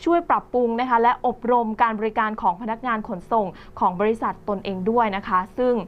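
A woman's voice: a little high, steady tone, brisk. A woman presenting the news in a conversational reading style, with frequent polite particles. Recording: slightly dull recording with faint music behind.

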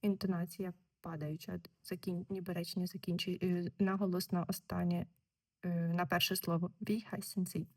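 A woman teaching German, explaining textbook exercises slowly and repeating each word. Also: fairly low pitch, little pitch movement, darkish tone. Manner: slow, deliberate, repeats words.

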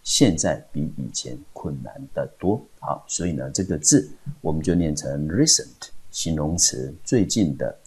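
A man's voice: a bass voice, lively intonation, normal speed, hardly any pauses, darkish tone, breathy edge. A man from Taiwan, an English teacher, giving a patient step-by-step vocabulary lesson and asking himself questions as he explains.

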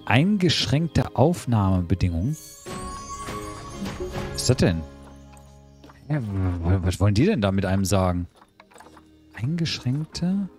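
A man's voice: low-pitched, animated, a little slow, long pauses, darkish tone, soft background music. A man giving casual gameplay commentary, talking to himself in a puzzled, joking way. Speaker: let's play commentator.

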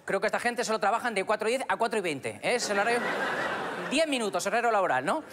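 A man's voice: sits high, expressive, fast talker. A man from Albacete with a Spanish accent doing stand-up comedy on a club stage, chatty and often asking the audience questions. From Spain. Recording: live club recording with crowd noise.

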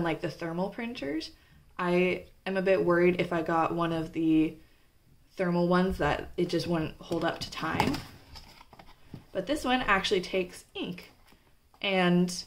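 A woman's voice: lowish voice, noisy background. Chatty young woman vlogger. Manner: chatty, with frequent "like" and "kinda". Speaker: stationery vlogger. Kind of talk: casual show-and-tell.

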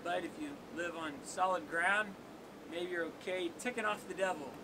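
A young man hosting an outdoor workout, joking and counting down for viewers in a seaside cave. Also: moderate pace. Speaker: workout host. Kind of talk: casual workout coaching. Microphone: camera on tripod at a distance. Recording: noisy outdoor recording with wave rumble.

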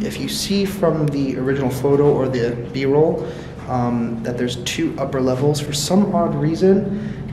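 A man in his thirties hosting an informal on-location vlog, chatting to the camera and prone to laughing. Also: medium pitch. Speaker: vlog host. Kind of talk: casual on-location vlog chat. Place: large empty hotel lobby, indoors. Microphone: handheld camera at arm's length. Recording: echoey, reverberant lobby with clear background noise.

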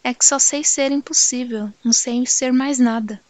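A meek, self-effacing young woman who answers in small, unsure phrases, as the narrator reads her part. Her voice is fairly high, and the recording is close and dry. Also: steady tone, normal speed, a little mellow, dry recording, close to an everyday voice. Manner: meek, hesitant.

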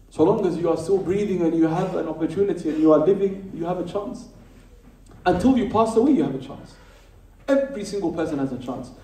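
A man's voice: fairly high pitch, mellow. A man giving an Islamic lecture to a live audience, emphatic, repeating key phrases and asking rhetorical questions. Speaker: Islamic teacher. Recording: roomy hall, speaker far from the mic.

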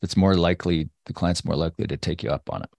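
A man hosting a business webinar, answering audience questions in a relaxed, conversational way with playful asides. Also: low-pitched, quick pace, gravelly, no room sound, clean studio sound. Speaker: webinar host and sales consultant.

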